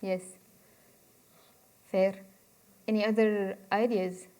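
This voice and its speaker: A woman's voice: mid-range voice, little pitch movement, slow pace, warm tone. A woman, giving a conversational university lecture and inviting the audience to interrupt with questions. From Egypt. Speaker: guest speaker.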